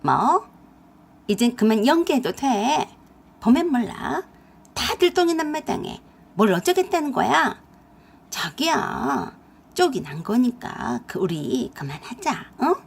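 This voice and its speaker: A brazen young woman played by a female narrator taunts in a raised, shrill voice. Her delivery swings wide and high with a husky edge. She is the scheming ex-girlfriend in a spoken drama. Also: sing-song, takes it slowly, heavily acted. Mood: pleading.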